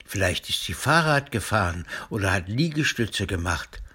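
A man's voice: fairly low pitch, sing-song, normal speed, bright, forceful tone, breathy edge, heavily acted. A man voicing a kind, joking father in a storybook reading, with a playful, teasing manner.

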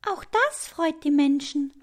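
A woman's voice: high voice, animated, takes it slowly, pitched above the performer's own voice. A woman voicing a vain, showy butterfly in a storybook reading, in a lifted, airy voice. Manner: airy and self-admiring.

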